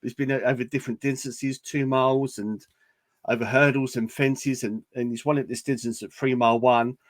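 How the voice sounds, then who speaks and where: A man's voice: mid-range voice, steady tone, normal speed, dry recording. Guy tipping horses on a call, stop-start, dry close sound. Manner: hesitant, with many restarts and laughs. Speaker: racing tipster panelist. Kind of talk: casual podcast chat.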